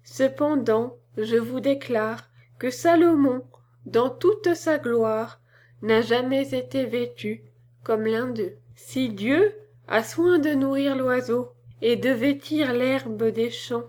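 A woman's voice: fairly high pitch, slow, darkish tone. A woman reciting a stern old village priest. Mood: solemn.

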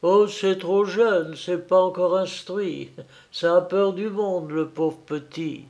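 A humble young peasant mother played by a male reader, gentle and simple in her rustic speech. Her voice sits well above the reader's own, soft and kindly. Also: high-pitched, animated, measured pace, voice pushed up.

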